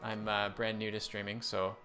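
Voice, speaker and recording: A man doing casual live-stream game commentary, chatting to viewers, thinking out loud and reading game text aloud. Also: fairly low pitch, monotone, normal speed, faint music behind.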